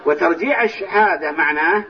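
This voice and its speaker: A man teaching a lesson on hadith, explaining the texts step by step and softly reciting phrases of the call to prayer, heard in an old recording from a large mosque. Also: sits high, fairly quick, breathy edge. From Saudi Arabia. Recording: distant, dull, lo-fi old recording with faint hiss.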